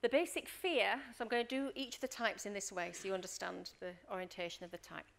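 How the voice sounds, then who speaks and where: A woman's voice: medium pitch, quick pace, gravelly. A middle-aged woman coaching a workshop, telling stories and acting out scenes, often checking in with the room. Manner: lively storyteller, acts out scenes, checks in with "Okay?". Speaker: leadership coach and workshop trainer. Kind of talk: workshop talk with acted-out anecdotes.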